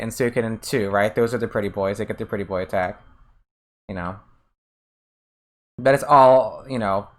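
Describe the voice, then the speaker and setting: Casually chatting while gaming, this American streamer answers chat between moments of play, often abandoning and restarting sentences. The voice is medium in pitch and a bit bright.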